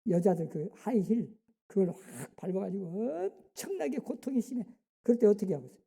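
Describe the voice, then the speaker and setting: A woman's voice: medium pitch, animated, a little fast, creaky, mellow, husky. Woman preaching in a reverberant church. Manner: emphatic preaching with rhetorical questions and interjected "예?". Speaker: pastor. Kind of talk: sermon. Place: church sanctuary. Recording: long hall reverb in a church.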